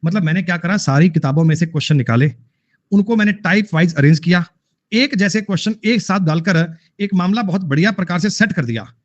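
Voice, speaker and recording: A man's voice: high-pitched, a little fast, dull audio. A man teaching an online math class, repeating points and scolding students in a teasing way. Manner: scolding, repetitive, addresses students as beta.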